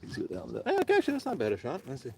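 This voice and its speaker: Rapid-fire and creaky, this man's medium-pitched voice swoops wildly as he works outside on his homestead during a livestream. He sniffles from allergies, mutters to himself and swears casually. A nearby camera records him amid work-site noise.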